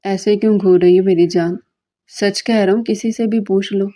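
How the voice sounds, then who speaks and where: A woman's voice: mid-range voice, steady tone, dark tone, natural voice. A woman voicing a playful, teasing young husband in a romantic audiobook novel, speaking affectionately.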